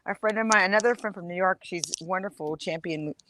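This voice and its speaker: A woman's voice: fairly low pitch, a little fast, bright, forceful tone, a little hiss or hum. A woman co-hosting a live postcard show, telling stories in an eager, casual chat with frequent restarts. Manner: enthusiastic, storytelling, restarts often.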